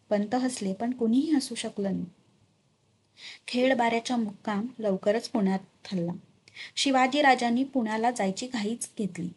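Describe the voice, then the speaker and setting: A woman reading a historical novel aloud in a measured, dramatic storytelling manner. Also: fairly high pitch, darkish tone, breathy edge. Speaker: narrator.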